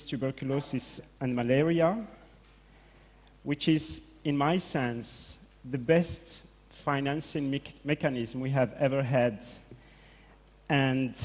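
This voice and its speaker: Man giving a halting conference introduction. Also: mid-range voice, a little mellow, a little hiss or hum. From Morocco. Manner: halting, frequent fillers and self-corrections. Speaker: conference speaker introducing a guest. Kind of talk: formal introduction speech. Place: large conference hall. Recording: long hall reverb.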